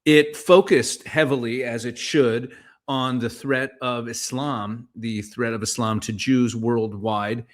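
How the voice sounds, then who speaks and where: A man's voice: mid-range voice, fairly even intonation, slow pace. A man hosting a commentary show, speaking conversationally and directly to viewers. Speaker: show host. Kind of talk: commentary introduction.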